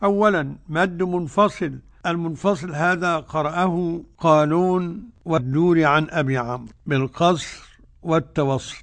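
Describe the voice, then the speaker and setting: Older Egyptian sheikh teaching recitation. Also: male voice, on the high side, steady tone. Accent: Egyptian Arabic. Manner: switches between quick explanation and slow drawn-out recitation. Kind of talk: explaining Quran readings, reciting verses slowly.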